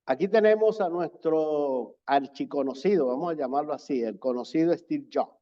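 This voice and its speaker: A man's voice: fairly high pitch, dark tone. A man teaching public speaking in an online presentation, stressing points by repeating them. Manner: slow, deliberate delivery with repeated emphasis. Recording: slightly dull, lo-fi audio.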